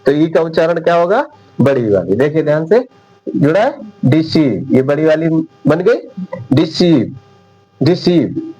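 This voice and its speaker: A man teaching an English lesson in Hindi, slowly repeating each rule and spelling words letter by letter. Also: a little high, darkish tone, low-quality recording. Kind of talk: slow spoken Hindi lesson.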